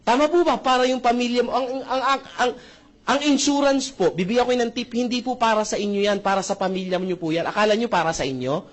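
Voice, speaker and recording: A man with an extremely high-pitched, fast voice presents a marketing plan at a seminar, mixing Tagalog and English in a lively talk. He jokes with the crowd, keeps asking "tama ba?" to check they agree, and stays polite, using "po" and calling them "mga brother, mga sister".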